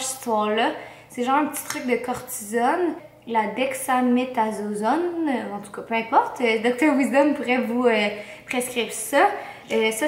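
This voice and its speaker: A young woman with a Québécois French accent chats casually in a slangy vlog style sprinkled with English words, her mouth swollen after wisdom teeth removal. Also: fairly high pitch. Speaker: vlogger. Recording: roomy echo, faint background noise.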